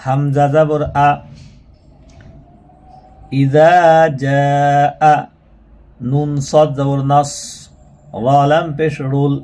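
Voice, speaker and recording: A man's voice: a little high, level tone, mellow. Guy teaching quran spelling, patient, breaks every word down. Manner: slow drawn-out recitation alternating with plain explaining. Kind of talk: spelled-out Quran reading lesson.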